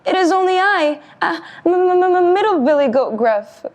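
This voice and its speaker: A woman's voice: fairly high pitch, lively intonation, unhurried, a little mellow, voice pushed up. A woman voicing a timid male goat, the middle brother, who stammers when frightened, in a storybook reading. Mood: stammering scared.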